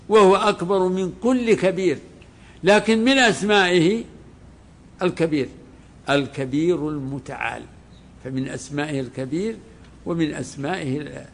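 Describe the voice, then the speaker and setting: A man who is a religious scholar, giving a classroom lesson that explains a legal text, deliberate and repeating phrases as he explains. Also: fairly high pitch, creaky.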